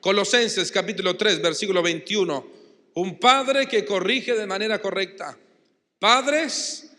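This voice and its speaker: Emphatic Argentine pastor, reverberant hall. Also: male voice, sits high, sharp tone. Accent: Rioplatense Spanish. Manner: emphatic, calls the congregation to repeat and answer. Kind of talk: sermon. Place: church hall. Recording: long church-hall reverb.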